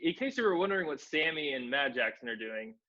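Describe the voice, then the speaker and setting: A man's voice: a little high, big pitch swings, fast talker, sharp tone, highs cut off. A man co-hosting a casual review podcast, swearing freely and laughing as he recaps the action. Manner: profane, laughs through recaps. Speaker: podcast co-host. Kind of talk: casual wrestling review chat.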